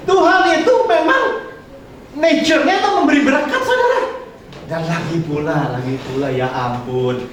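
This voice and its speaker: A man preaching a casual, lively sermon, slipping English words into his talk. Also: a little high, moderate pace, slight background noise. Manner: animated and colloquial, mixing English words. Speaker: pastor. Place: church hall. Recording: echoey hall, voice from far off.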